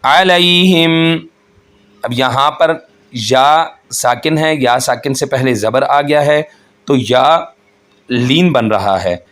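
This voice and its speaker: A man teaching Quran recitation rules, explaining each point slowly and patiently and chanting the verses in a melodic voice. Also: mid-range voice. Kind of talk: tajweed lesson with chanted recitation.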